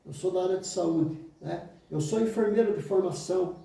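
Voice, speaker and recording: A man in his fifties with a Brazilian Portuguese accent, teaching oratory in an emphatic motivational lecture that mimics excuses in a higher voice and answers them low and firm. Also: moderate pace, vocal fry, warm tone. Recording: very echoey room, mic far off.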